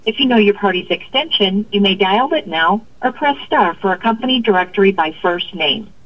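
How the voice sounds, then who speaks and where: A woman's recorded phone greeting played through a car speaker, with a formal, even announcer delivery. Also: mid-range voice, a little fast. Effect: recorded phone message heard over a car speaker. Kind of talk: scripted automated greeting. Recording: dull lo-fi phone audio.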